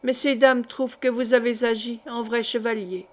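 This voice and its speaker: A woman's voice: on the high side, flat delivery, normal speed, natural voice. A woman reading the lines of a proud, earnest young male officer in an audiobook.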